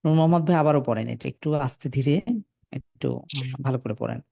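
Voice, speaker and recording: Firm Quran teacher man, gravelly and dark. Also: medium pitch, no room sound, clean studio sound. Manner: patient but firm, spells letters slowly and repeats. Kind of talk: online class, correcting students. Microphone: video call.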